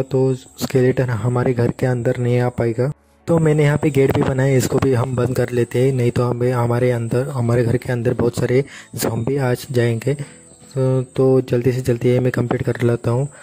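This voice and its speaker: A young man chatting casually in commentary over his own building game, reacting loudly when mobs attack. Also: medium pitch. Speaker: gaming YouTuber.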